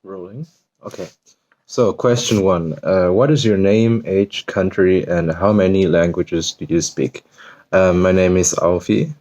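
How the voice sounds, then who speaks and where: Slow, deep-voiced young man. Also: steady tone, darkish tone, dull audio. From Germany. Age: 20s. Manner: reads his own questions aloud. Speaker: interviewee. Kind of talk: casual self-interview.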